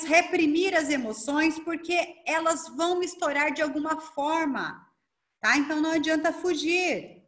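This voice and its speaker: A Brazilian woman coach giving a lively online workshop, talking fast and asking herself rhetorical questions over a video call. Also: high voice. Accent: Brazilian Portuguese. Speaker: coach and speaker leading a workshop.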